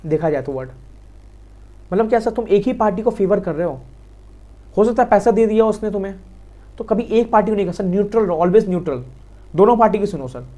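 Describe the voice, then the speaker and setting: Fast-talking Indian man teaching law. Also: high-pitched, warm tone. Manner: quick, repetitive, addresses students as sir. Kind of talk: fast exam revision lecture.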